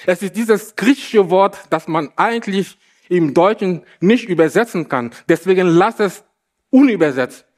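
Male preacher, sermon delivery, slow and emphatic with repeated phrases, a somewhat high voice. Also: animated.

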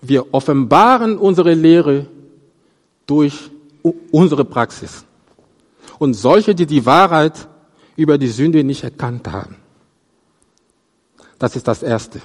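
Male preacher, sermon, slightly high voice, slow and halting, stammered restarts, long hall reverb. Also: expressive. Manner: voice rises on quoted verses and drops at phrase ends. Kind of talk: sermon on a Bible passage.

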